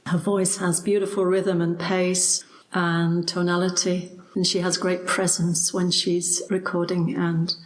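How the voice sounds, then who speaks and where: An older woman in her seventies with a Leeds accent, speaking in a low, level voice. She reads out her listener tribute earnestly and steadily, keeping her pitch flat throughout. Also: unhurried, few pauses, poor audio. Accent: Northern English, Leeds. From England. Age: 70s. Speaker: listener sending a message.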